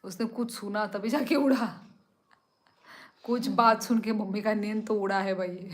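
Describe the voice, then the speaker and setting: A woman's voice: mid-range voice, fairly even intonation, unhurried. A young woman hosting a live stream, chatting casually and teasingly with viewers as she reads their comments, laughing often. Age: young adult.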